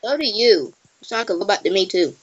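A woman's voice: medium pitch, fast talker. Woman gamer trash talking her friend while playing, muffled cheap mic, bit of noise. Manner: playful teasing trash talk. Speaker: gameplay channel host. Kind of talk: casual gameplay commentary.

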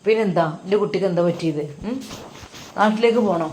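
A woman's voice: medium pitch, quick pace, a little mellow, a little hiss or hum, close to an everyday voice. A woman doing a tender, coaxing old father. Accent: Malabar Malayalam.

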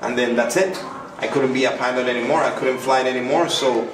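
A man's voice: mid-range voice, fairly even intonation, fairly quick. A middle-aged man from Venezuela, chatting effusively with lots of fillers as a guest answering interview questions. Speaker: artist interviewed by a child. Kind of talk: casual interview. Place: small indoor room. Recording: echoey room, distant mic, noisy.

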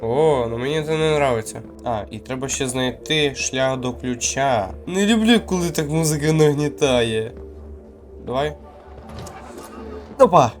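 A Ukrainian man giving excitable, jumpy commentary while he plays a horror game and mutters to himself. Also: mid-range voice, measured pace. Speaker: gamer playing a horror game. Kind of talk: live gameplay commentary. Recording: game music playing underneath.

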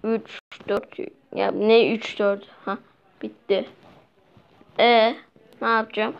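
A woman's voice: mid-range voice, flat delivery, slow, creaky, clear, resonant tone. A young woman giving casual commentary while playing a mobile game, chatty and easily exasperated as she talks to her viewers. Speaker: mobile gameplay vlogger. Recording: dull lo-fi sound with faint noise.

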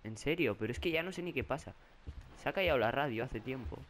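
A young man from Spain, speaking fast with lively intonation in a mid-range, fairly bright voice, records horror game let's play commentary as a gaming YouTuber. In his Spanish accent he jumps at scares, swears, and cries out, over faint background noise.

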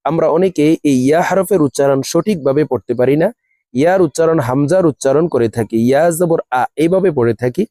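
A Quran reading teacher recording a lesson for viewers. The teacher drills letter sounds in a slow, drawn-out chant and then explains each pronunciation rule in quick spoken bursts, speaking directly to the audience. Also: mid-range voice, mellow, no echo, studio quality. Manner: addresses viewers directly and invites repetition.

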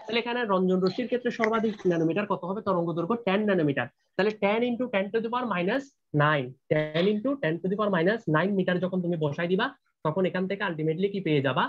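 Fast-talking male teacher, lo-fi call. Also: high voice. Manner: repetitive, checks students often. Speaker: chemistry teacher. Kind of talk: online class lecture.

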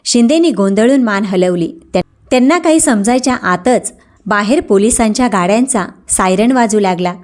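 A woman's voice: mid-range voice, lively intonation, normal speed, darkish tone. A woman narrating a dramatic story and speaking every character's lines herself.

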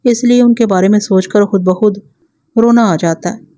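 A woman's voice: medium pitch, fairly even intonation, warm tone, no room sound, natural voice. A woman voicing an earnest, tearful young village man who speaks respectfully and anxiously.

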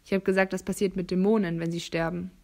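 A woman reading an audiobook, voicing a cocky, wounded teenage boy who speaks gruffly and curtly in a voice lower than her narration. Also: little pitch movement, fast talker, dark tone, natural voice.

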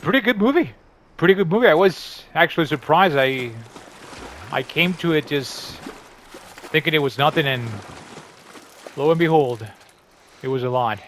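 A man's voice: on the high side, lively intonation, moderate pace, pauses often, a bit bright, slight background noise. Chatty man doing gameplay commentary. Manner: chatty, upbeat, rambling asides. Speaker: gaming channel host.

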